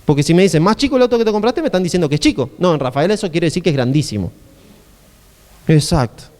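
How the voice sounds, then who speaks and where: A man's voice: fairly high pitch, lively intonation, quick pace, darkish tone, in a large hall. A man with an Argentine accent preaching a sermon as a pastor, in a conversational style with many rhetorical questions.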